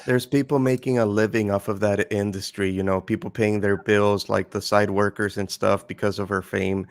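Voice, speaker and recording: A man's voice: fairly low pitch, level tone, normal speed. A man co-hosting a casual reaction chat over a video call, thinking aloud and drifting into tangents. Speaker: co-host.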